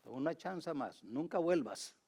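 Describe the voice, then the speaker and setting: A man's voice: on the high side, lively intonation, slow, vocal fry, a little mellow, slightly rough, heavily acted. A stern, angry king gives a blunt, threatening warning, put on by a male preacher. The voice is plain and unforced, as part of a story told in a sermon. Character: angry protective king, older man, stern.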